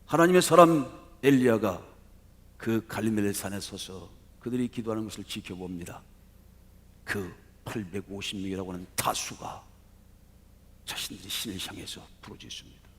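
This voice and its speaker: A man preaching a Sunday sermon as pastor, telling the story dramatically with sudden swings between loud and quiet. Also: low voice, steady tone, normal speed, breathy edge. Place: church sanctuary. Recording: reverberant church hall.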